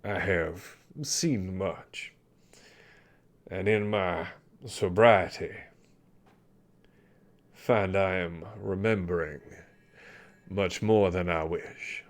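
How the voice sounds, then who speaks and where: Man acting a slow, low-voiced old sea-dog commodore. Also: heavily acted. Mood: haunted, reflective. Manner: slow, deliberate, old-fashioned phrasing. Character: weary old sea-dog commodore, haunted yet cordial.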